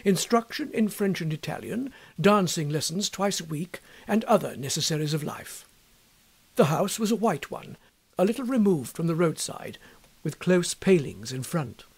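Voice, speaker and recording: A man reading a classic story aloud in a wry, measured narrating style. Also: on the high side, very animated, creaky, a little mellow, breathy edge. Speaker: audiobook reader.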